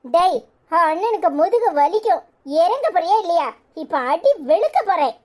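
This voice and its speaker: Woman doing a small whiny cartoon boy, very high squeaky voice, Tirunelveli Tamil accent, drawn-out childish talk. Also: lively intonation, very noisy. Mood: curious. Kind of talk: cartoon voice acting.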